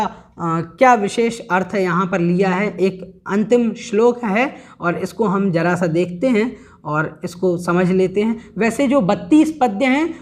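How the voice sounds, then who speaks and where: A man teaching an online religious lesson, explaining each word patiently and chanting Sanskrit verses slowly and carefully. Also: high voice. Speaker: teacher of a scripture study course.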